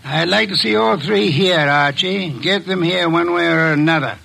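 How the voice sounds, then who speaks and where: In a 1950s radio drama, an actor plays a middle-aged private investigator, speaking with precise, measured authority. His male voice is high and creaky.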